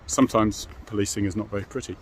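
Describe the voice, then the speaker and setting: A middle-aged British man, a former police officer, talks in a fairly low, fairly even voice at a quick pace, with a little hiss or hum in the background. His monologue is informal and explanatory, frank and matter-of-fact, and he often tacks on tag questions.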